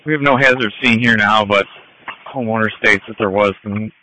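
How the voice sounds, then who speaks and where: A man's voice: on the low side, brisk, bright, forceful tone, no room sound, rough recording. A man from a fire and ambulance crew giving procedural reports over a two-way radio.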